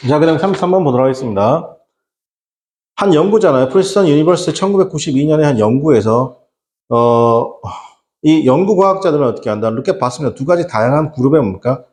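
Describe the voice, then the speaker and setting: A man's voice: a little high, lively intonation, quick pace, darkish tone, roomy sound. A man teaching English exam prep in Korean, asking rhetorical questions and answering them himself, with casual slang asides. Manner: rhetorical questions, repeats "어떻게 한다?".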